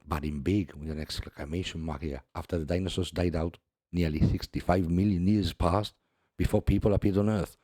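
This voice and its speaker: Deep, dark-voiced man discussing scripture. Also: dry recording, clean studio sound. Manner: reads scripture aloud, laughs often, repeats "see". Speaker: religious video host. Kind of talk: casual religious commentary.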